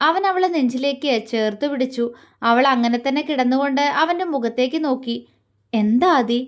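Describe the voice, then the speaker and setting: A woman reads a romantic audio series aloud, soft and measured as she narrates. Her voice sits noticeably high. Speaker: storyteller. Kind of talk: scripted narration.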